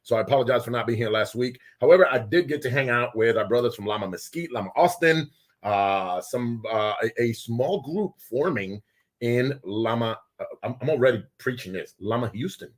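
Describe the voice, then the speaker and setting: A man hosting a casual live show from a small studio with guests, loud and excitable, often laughing. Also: mid-range voice, normal speed. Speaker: host.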